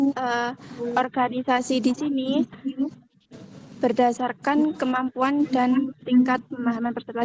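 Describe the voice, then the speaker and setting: A young woman, a student presenter, explains lesson material in her own words, using fillers as she goes. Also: a little high. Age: young adult. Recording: noisy classroom recording.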